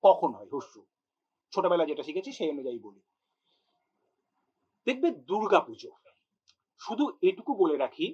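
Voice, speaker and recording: A man's voice: high voice, breathy edge, muffled recording. A man teaching a spoken grammar lesson, patient and repeating his points, addressing students directly and sounding out words to show pronunciation. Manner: patient, repeats points to drive them home. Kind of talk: spoken exam-prep lesson.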